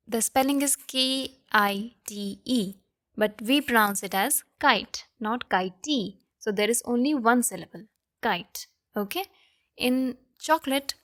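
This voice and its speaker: A woman's voice: on the high side, no echo, clean studio sound. A woman teaching a lesson and checking in with listeners with frequent "okay?" and "right?". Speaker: literature teacher. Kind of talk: explanatory lesson.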